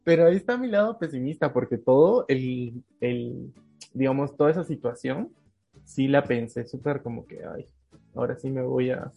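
A man with a gravelly, husky voice tells a story in a relaxed chat, acting out each line of dialogue with lots of laughter. The sound is dull and lo-fi, with faint music underneath. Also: medium pitch, moderate pace. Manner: animated, acts out dialogue, laughs often.

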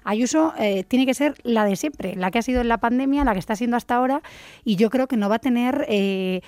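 A woman's voice: fairly high pitch, a little fast, darkish tone, dry recording. A woman giving assertive, opinionated commentary on a talk show. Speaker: political commentator.

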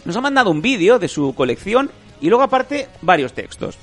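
A man co-hosting a casual podcast, trading quick jokes and reading listener messages. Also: high voice, big pitch swings, soft background music. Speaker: podcast co-host.

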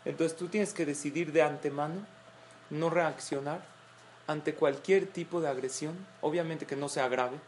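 A woman's voice: deep voice, steady tone, moderate pace, darkish tone, slight background noise. A middle-aged woman giving a parenting talk to a group of mothers, explaining points and acting out example quotes. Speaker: parenting class speaker.

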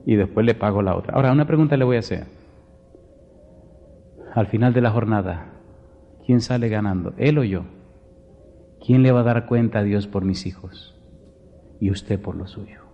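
A man's voice: lowish voice, normal speed, long pauses, long reverb tail, lo-fi sound. Emphatic man preaching a sermon. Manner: emphatic preaching with rhetorical questions to the congregation; folksy storytelling asides. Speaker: pastor. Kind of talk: Bible study sermon.

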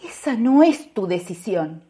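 A woman's voice: mid-range voice, sing-song, unhurried, dark tone. A woman with an Argentine accent voicing a pious middle-aged woman who pleads and scolds in a raised, urgent voice. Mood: scolding. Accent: Argentine Spanish.

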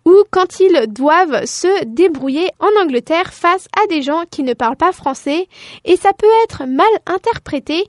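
A woman's voice: very high voice, animated, a little slow, no room sound, studio quality. A woman from France hosting a radio show, reading a scripted talk segment with frequent hesitant fillers. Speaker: radio host.

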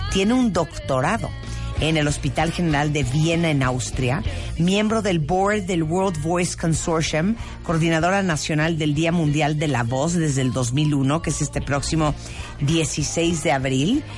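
A woman hosting a radio show, chatting playfully and teasing her guests. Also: deep voice. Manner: playful, teasing, quick to joke. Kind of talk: lively casual radio chat.

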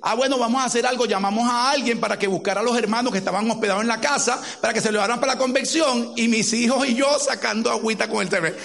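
A middle-aged man preaching a sermon as a pastor, telling stories with lively acted-out quotes. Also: very high voice, fast, gravelly, hardly any pauses. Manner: animated storytelling with acted-out quotes.

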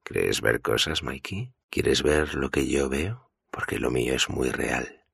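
A man's voice: very deep voice, vocal fry, a bit bright, husky, no room sound, clean studio sound, heavily acted. Man doing a cold, ruthless agent interrogator. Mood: cold menace. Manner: slow, menacing and clipped.

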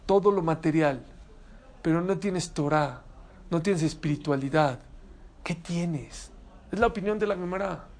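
A man teaching a Torah class as a rabbi, animated and emphatic, often putting questions to his listeners. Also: sits high. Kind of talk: sermon.

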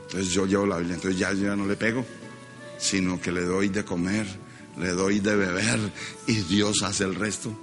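A man's voice: low-pitched, flat delivery, moderate pace, in a large hall, faint music behind. A male pastor with a Colombian accent preaching in a church and leading the congregation in call-and-repeat. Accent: Colombian Spanish. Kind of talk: sermon.

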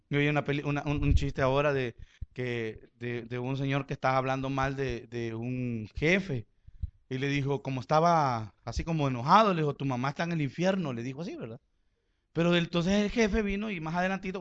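A middle-aged man with a Salvadoran Spanish accent preaching a sermon in a church, joking and swinging from loud exhortation to quiet storytelling. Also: mid-range voice, muffled recording. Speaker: pastor.

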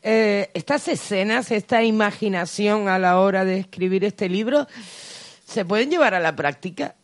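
A woman hosts a radio interview at a medium pitch. She asks chatty, curious questions in a relaxed way. Her voice sits in the middle of the range. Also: normal speed. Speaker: radio host.

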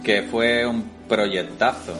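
A man's voice: lowish voice, steady tone, slow, a bit bright, soft background music. A man co-hosting a casual podcast, easygoing and jokey, chiming in with asides.

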